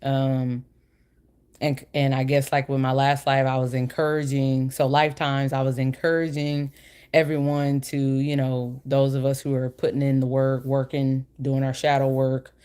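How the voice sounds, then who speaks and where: A woman's voice: extremely low pitch, level tone, normal speed, warm tone, smooth. A woman hosting a casual livestream chat, talking in an informal, slangy, meandering way, her speech slightly slurred by the retainer she is wearing. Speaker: livestream host.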